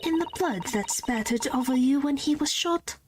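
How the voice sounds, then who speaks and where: Streamer girl doing a calm careful lady witness, highish voice, game music playing. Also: moderate pace, distant mic. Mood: firm. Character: composed female witness at trial.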